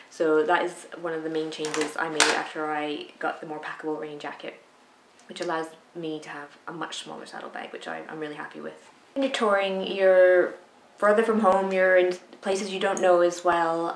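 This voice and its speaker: A woman in her thirties talks casually to camera, pitched a little low, chatty and full of asides. She sits in a bright home room that rings with echo. A steady hiss of noise sits under the voice. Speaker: cycling vlogger. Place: sunny home room with shuttered window. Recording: echoey room with audible noise.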